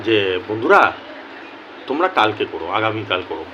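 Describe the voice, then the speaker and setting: A man talking earnestly to his viewers as a YouTuber, slow and deliberate, often repeating key words for emphasis. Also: fairly low pitch, big pitch swings, lo-fi sound, slight background noise. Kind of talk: earnest casual talk to camera.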